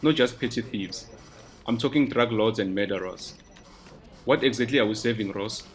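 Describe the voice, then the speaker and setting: A man's voice: on the low side, moderate pace, a little hiss or hum, natural voice. A man narrating a story voices a confident young policewoman who talks bluntly, her tone sweet yet obnoxious. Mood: defiant. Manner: blunt, defiant.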